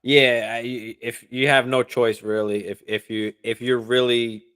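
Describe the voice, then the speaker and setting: A man hosting a live fantasy football stream, answering viewer questions in a relaxed, casual way, swearing freely and using lots of fillers and restarts. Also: mid-range voice, measured pace, clear, resonant tone. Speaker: fantasy football show host.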